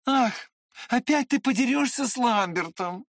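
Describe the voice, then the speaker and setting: A reader voicing an excitable, pretty teenage boy who chatters eagerly in an audiobook. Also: mid-range voice, unhurried, no echo, studio quality, pitched above the performer's own voice. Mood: chattering.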